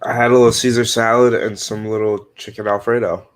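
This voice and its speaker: Stuffed-up guy co-hosting, low voice, laid back, nasal from the congestion. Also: little pitch movement, brisk. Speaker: livestream co-host. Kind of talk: casual sports chat.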